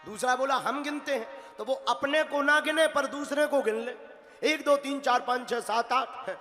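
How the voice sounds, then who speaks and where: A male preacher giving a devotional sermon, telling a story with animated delivery and bursts of shouted emphasis. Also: extremely high pitch, moderate pace. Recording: long hall reverb with faint music.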